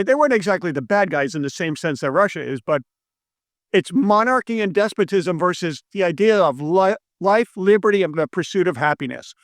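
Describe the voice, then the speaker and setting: In a persuasive talk to camera, a monetary economist from the United States presents a video lesson from an indoor room of brick and stone walls. The recording is dry and close with no room sound, carrying his rather high voice. He presses the same point repeatedly, stressing key claims and tripping over foreign names.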